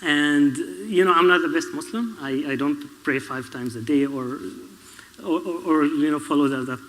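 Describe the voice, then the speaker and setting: A man from Syria speaking on a public panel, halting, with many fillers and restarts. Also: fairly high pitch, a bit bright. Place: public event hall. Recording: reverberant hall.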